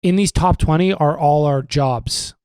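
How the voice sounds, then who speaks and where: A young man in his twenties hosts a relaxed chat at home, wandering from thought to thought with plenty of ums and jokes. His voice sits a little high for a man. The sound is dry and close. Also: unhurried, clean tone, no echo. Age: 20s. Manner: rambling and joking, full of fillers. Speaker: podcast host. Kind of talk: casual chat. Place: room at home.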